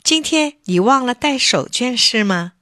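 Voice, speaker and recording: A woman voicing a kind, caring little girl who coaxes the others gently in a children's story. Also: on the high side, animated, measured pace, no echo, clean studio sound, pitched above the performer's own voice. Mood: gentle.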